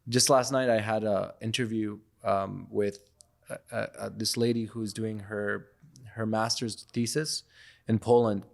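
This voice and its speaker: Low-voiced young man talking it through. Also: little pitch movement, measured pace, gravelly. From Iraq. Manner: reflective, loose and conversational, many fillers. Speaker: podcast guest, photographer. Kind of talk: casual interview talk.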